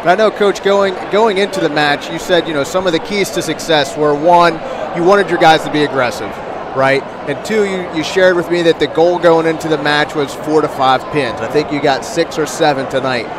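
A man hosts a postgame show from a courtside table, speaking into a headset mic with a slightly raised pitch. His questions run long and wind around, with gym noise clearly heard behind him. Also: fairly even intonation, normal speed, a crowd in the background. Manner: asks long rambling questions. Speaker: sports show host. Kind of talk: postgame interview. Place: high school gym, indoors. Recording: noisy gym background.

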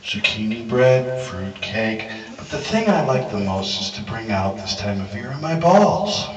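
An older man playing an earnest baker guest in a live pub comedy sketch, deadpan and matter-of-fact. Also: mid-range voice, a little slow, lo-fi sound. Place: crowded pub. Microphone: handheld mic. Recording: echoey pub, far mic, loud crowd.

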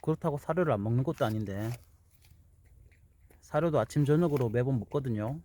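Man, mid-pitched voice, casual vlog narration, talking to pet, outdoors. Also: animated, fairly quick, warm tone. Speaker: vlogger filming own dog. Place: outdoors in an apple orchard.

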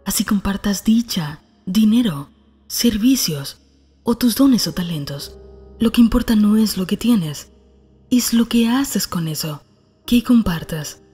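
Woman, breathy husky voice, mellow tone, calm scripted narration, faint music behind. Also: medium pitch, a little slow. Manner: calm, soft, breathy reading.

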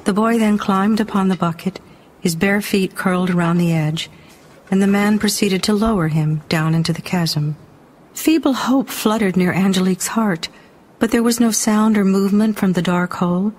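A woman narrating an audiobook in a dramatic, expressive reading style. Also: lowish voice.

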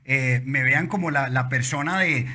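A man in his forties from Costa Rica with a Costa Rican accent, a guest telling his story in a casual interview with impulsive, animated storytelling and frequent restarts, in an office lounge. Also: mid-range voice, moderate pace, a little hiss or hum. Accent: Costa Rican Spanish. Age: 40s. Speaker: guest entrepreneur. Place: office lounge studio, indoors.

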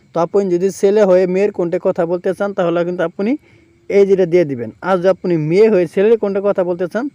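A man's voice: sits high, warm tone, dry recording, dull audio. A man hosting a phone app tutorial, explaining each step over a screen recording and repeating himself as he goes. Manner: repetitive step-by-step explaining, filler "কিন্তু". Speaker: tech tutorial host.

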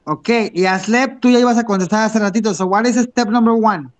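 Very high-voiced male teacher. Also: fairly quick. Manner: encouraging, switches between English and Spanish. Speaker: English teacher. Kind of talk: online class instruction.

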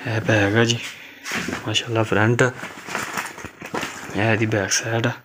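A man's voice: lowish voice, flat delivery, measured pace. Home vlogger, Pakistani Punjabi man, middle-aged, repetitive show-and-tell manner, heavy background noise. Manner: repetitive, with frequent tags like "okay" and "mashallah". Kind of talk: casual show-and-tell vlog. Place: indoor room at home. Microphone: phone camera held by the speaker.

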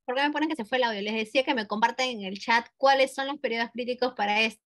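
A woman teaching a webinar for teachers on a video call, talking conversationally with many tag questions and fillers, and clearing her throat often. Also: fairly high pitch, fast talker, fairly bright tone. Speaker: English teacher leading a webinar. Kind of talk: live online teacher talk.

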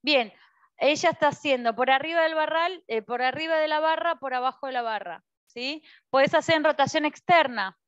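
A woman's voice: high voice, normal speed, a bit bright, dry recording, lo-fi sound. A woman with an Argentine Spanish accent teaching a Pilates class, cueing movements with frequent checks and encouragement. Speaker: Pilates instructor. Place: Pilates studio.

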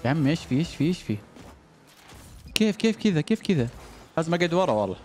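A man's voice: rapid-fire, faint music behind. A young man commentating on his own gameplay, cheering and groaning at the plays. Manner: excitable, shouts and cheers at plays, jumps from low mutters to high yells. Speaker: gaming YouTuber.

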